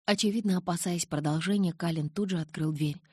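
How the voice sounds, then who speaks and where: A woman narrating a first-person audiobook in an emotive, lively storytelling manner. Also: lowish voice, fairly quick, breathy edge, no echo, studio quality.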